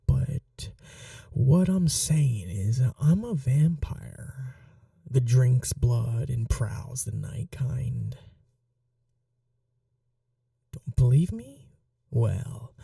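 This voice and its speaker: In an intimate ASMR roleplay, a performer fully voices an obsessive yet courteous vampire, coaxing in soft, unhurried murmurs that drift into whispers. The gravelly, medium-pitched voice sounds smug, with quiet menace under the politeness. The recording is dry, with no room sound and a distant mic.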